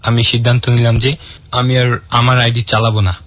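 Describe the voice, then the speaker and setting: A man's voice: mid-range voice, level tone, normal speed, dry recording, highs cut off, faint music behind. A young man from in Bangladesh, casually telling a long personal story with many fillers and restarts. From Barishal, Bangladesh. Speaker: guest telling his story.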